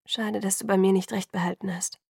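A woman reading an audiobook, voicing an anxious young human woman who speaks in a hushed, breathy way. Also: medium pitch, flat delivery, fairly quick, dry recording, studio quality. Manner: hushed and breathy, often half-whispered.

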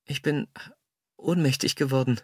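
A man voicing a young woman, eager but shy, with a soft, hesitant, raised voice. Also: a little high, very animated, fast, no echo, clean studio sound, voice pushed up. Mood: dazed.

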